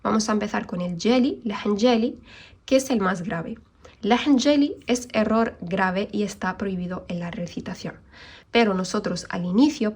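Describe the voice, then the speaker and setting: A woman teaching an online recitation lesson, explaining patiently and modelling Arabic sounds slowly. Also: mid-range voice.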